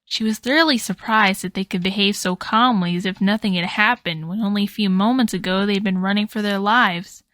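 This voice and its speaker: A woman narrating a storybook tale in an expressive, dramatic way. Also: mid-range voice, a little fast, few pauses, dry recording.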